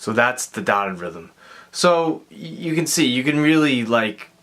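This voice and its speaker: A man giving a casual guitar lesson, talking in a relaxed, halting way with many fillers and restarts. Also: medium pitch. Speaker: guitar teacher. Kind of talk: casual instructional talk. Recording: clear guitar playing behind the voice. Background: guitar and metronome.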